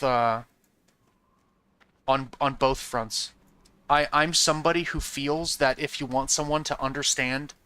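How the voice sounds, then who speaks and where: Chatting casually with viewers as he plays, this male streamer is frank and profane, rambling along and frequently asking "you know what I mean?" with occasional swearing. His voice is medium-pitched, bright and forceful, clear and resonant.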